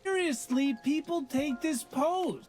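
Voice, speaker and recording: A man's recorded line played back sped up, so it comes out as a high, squeaky chipmunk voice, repeated as an animator tests lip sync. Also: slow, darkish tone, soft background music. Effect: sped-up playback, high chipmunk-like voice.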